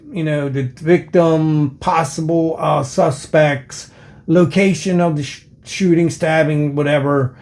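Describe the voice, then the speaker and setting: An older American man talking in a casual, rambling vlog, halting and meandering, with slurred, lisped F and S sounds from missing teeth. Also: on the high side, darkish tone. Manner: halting, meandering, circles back. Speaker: video channel host, former police officer.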